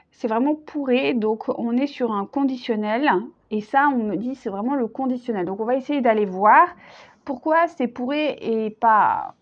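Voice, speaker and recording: A woman giving a casual tarot reading, chatty and hesitant, with many fillers. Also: a little high. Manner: chatty, hesitant, full of fillers, laughs easily. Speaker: tarot reader. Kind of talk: casual spoken tarot video. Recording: dull lo-fi sound.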